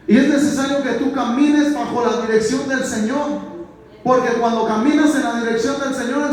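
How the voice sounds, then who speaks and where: High-voiced preacher in an echoey church. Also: male voice, darkish tone. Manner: preaching, repeatedly addressing "mi hermano"; slows down for emphasis on scripture quotes. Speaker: pastor. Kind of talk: sermon. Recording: very echoey church hall, distant mic.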